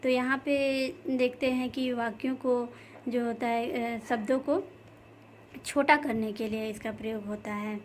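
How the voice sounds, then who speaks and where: Higher-voiced woman teaching grammar. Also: steady tone, unhurried, a little hiss or hum. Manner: repeats terms, many fillers. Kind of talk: explaining lesson over slides.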